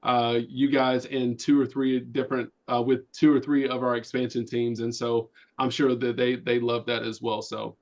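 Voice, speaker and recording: A man's voice: mid-range voice, level tone, normal speed, few pauses. Rambling man on muffled call audio. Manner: rambling, many "uh" fillers. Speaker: team leader hosting the call. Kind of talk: casual video call.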